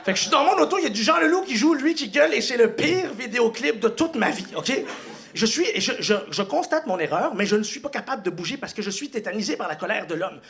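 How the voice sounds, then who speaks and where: High, bright-voiced Quebec comedian on stage. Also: male voice, fast. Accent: Quebec French. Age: young adult. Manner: animated, bursts into shouted high-pitched impressions. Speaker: stand-up comedian. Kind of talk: stand-up comedy routine. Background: audience laughter.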